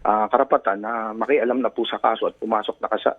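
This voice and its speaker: Lawyer guy calling in by phone, low husky voice, tinny line, polite, lots of ums. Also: steady tone, fast. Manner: polite and deferential, hesitant with many fillers. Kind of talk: phone interview. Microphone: telephone.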